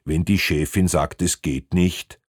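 A hulking but milder ticket inspector grumbles in a deep, quiet voice, as a male narrator acts him out. His tone stays calm and easygoing. The reading sounds dry and close. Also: measured pace, no room sound. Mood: gruff. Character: burly good-natured male ticket inspector, gruff.

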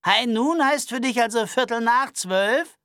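A man's voice: very high voice, a little slow, sharp tone, clear, resonant tone, no echo, clean studio sound, voice pushed up, heavily acted. A man voicing a nervous, rambling sheep farmer in a Western audiobook, babbling and laughing nervously.

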